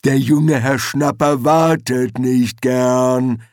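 Male narrator as a lumbering troll heavy, slow and loud, storybook reading. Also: medium pitch, fairly even intonation, no echo, clean studio sound, pitched above the performer's own voice, close to an everyday voice. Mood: insistent. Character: huge slow-witted male troll henchman.

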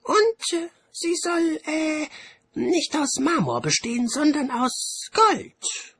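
A man voicing a fussy, pompous male wizard in a high, prim voice. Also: big pitch swings, takes it slowly, sharp tone, full character voice. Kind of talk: audiobook character voice.

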